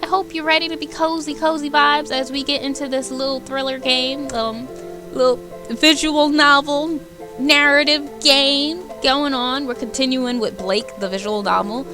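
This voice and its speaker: A game streamer chats playfully and informally on a livestream while reading a visual novel aloud. Her high voice holds a steady tone at a moderate pace, with background music playing behind her.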